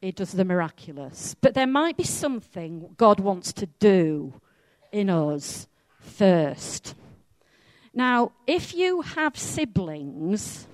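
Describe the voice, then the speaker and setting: A woman from Wales with a Welsh accent, preaching a sermon in a chatty, self-mocking and lively way. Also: medium pitch, clear, resonant tone, no room sound.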